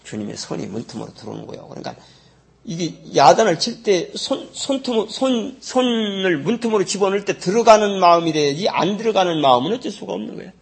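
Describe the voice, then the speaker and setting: A man preaching a sermon as a pastor. He reads scripture slowly and drawn out, then swings from loud exclamations to low asides. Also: animated. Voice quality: gravelly and husky. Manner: slow, drawn-out scripture reading.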